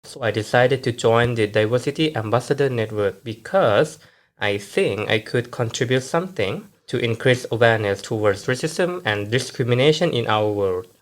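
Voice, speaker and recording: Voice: medium pitch, expressive, moderate pace. A young student from Thailand speaks plainly on a student podcast. The delivery sounds prepared, as if read from notes. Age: young adult. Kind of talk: scripted podcast talk.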